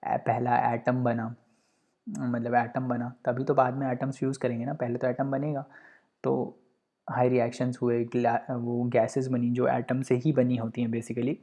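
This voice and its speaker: A man's voice: mid-range voice, flat delivery, unhurried, warm tone. Conversational man explaining a lecture. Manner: explains step by step, mixing in English phrases and checking with "right?"; conversational, with frequent "you know" fillers. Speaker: geography teacher.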